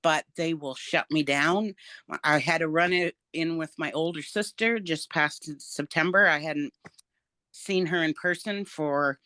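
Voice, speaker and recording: A woman's voice: low voice, measured pace, pushed and bright, no room sound. An older woman, a grandmother, speaking frankly and emphatically as an interview guest, with the odd wry laugh. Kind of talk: candid interview about family.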